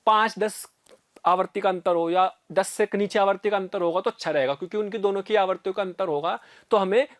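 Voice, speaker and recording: A man's voice: high-pitched, a little fast, dry recording, studio quality. A man teaching physics in a recorded lecture. He explains step by step, often checks in with his students, and repeats sounds aloud to demonstrate.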